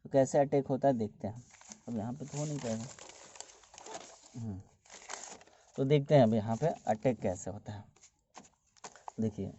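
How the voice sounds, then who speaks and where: A man teaching a chemistry lesson, explaining each step slowly and repeating key terms as he goes. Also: medium pitch, dark tone, a little hiss or hum. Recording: dull, dry lo-fi recording.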